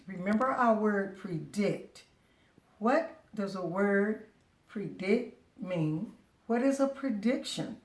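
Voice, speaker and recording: In a medium-pitched, slightly mellow voice, a preschool teacher gives a children's lesson. She's patient and encouraging, breaking things down step by step and asking the listener questions, then answering them.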